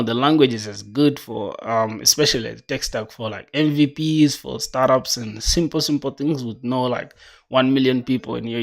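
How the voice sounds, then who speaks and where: A man in his twenties chatting casually on a coding livestream, laid-back and slangy, reading viewer comments aloud. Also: medium pitch. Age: 20s. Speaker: streamer.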